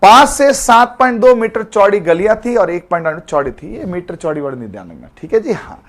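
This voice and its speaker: Male tutor, fairly high pitch, informal, joking live online class. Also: expressive, fairly quick, fairly bright tone. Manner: chatty, calls students beta, jokey memory tricks. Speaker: teacher.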